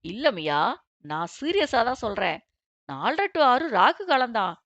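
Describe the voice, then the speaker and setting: A smug, sarcastic young boss, as a woman storyteller puts him on, drawling mocking replies in a lowered voice. The sound is dry and a little dull, like a home audiobook recording. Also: sing-song, measured pace, fairly bright tone, no room sound, heavily acted. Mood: teasing. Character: sarcastic, stubborn young man, office boss.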